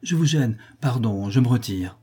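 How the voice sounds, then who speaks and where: A man's voice: mid-range voice, animated, moderate pace, dark tone, husky. A man voicing Richard, a lazy, nonchalant young charmer, in a raised, airy voice. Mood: nonchalant gallant.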